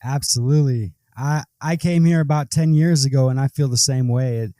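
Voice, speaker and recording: A man hosting a podcast, talking in a relaxed, hesitant way with fillers. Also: medium pitch, brisk, no echo. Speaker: podcast host. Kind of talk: casual conversation.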